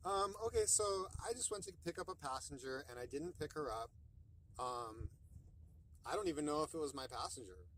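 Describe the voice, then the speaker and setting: Bright-voiced man rambling on a call. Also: mid-range voice, expressive, a little fast. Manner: rambling, talks it through with many fillers. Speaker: rideshare driver. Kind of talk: casual phone call. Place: in his car, also the vlog setting.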